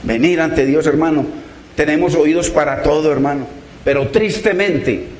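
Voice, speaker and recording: A man preaches at a normal speed in a high, slightly mellow voice that echoes around the room. He pleads earnestly, repeatedly addressing his brothers in faith as "hermano."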